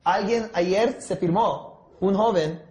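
A man leads sales training built on role-play, working through objections with listeners, frequently confirming they understand, and mixing in English. His voice is high-pitched, a little mellow, and slow, recorded in an echoey room.

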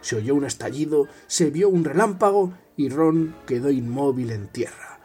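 Brief: male reader with a husky, fairly high voice, dramatic storytelling, soft music underneath. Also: moderate pace. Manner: expressive, dramatic storytelling, drops to a whisper at tense moments. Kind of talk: reading a novel aloud.

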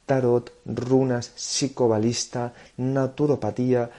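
A man's voice: mid-range voice, flat delivery, slow pace, mellow. A man hosting a live online show, chatty and hesitant, often repeating words as he introduces his guest. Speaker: livestream host. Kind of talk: casual live interview hosting.

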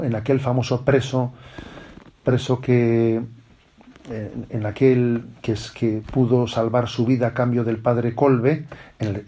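A middle-aged bishop from gives a spiritual retreat talk, speaking at an ordinary pitch. He preaches conversationally and keeps checking in with his listeners through short tag questions. A faint hiss runs under his voice. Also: dark tone.

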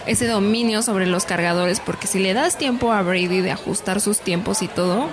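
A woman's voice: medium pitch, normal speed. A woman giving casual sports analysis as a panelist in a conversation. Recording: clear ambient noise behind voice.

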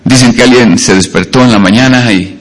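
A man's voice: mid-range voice, brisk. A male pastor preaching a sermon, telling homely stories and jokes with many hesitations and fillers.

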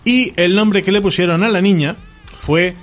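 A man's voice: high-pitched, normal speed. A young man in casual podcast chat, telling school anecdotes and acting out the voices of people in them. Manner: lively storyteller, acts out quoted voices.

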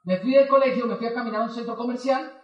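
A man's voice: extremely high pitch, fast talker, muffled recording. A man, telling a story to an audience as a motivational speaker and acting out the dialogue in it. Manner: lively, acts out dialogue in quotes. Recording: echoey hall, mic from far off.

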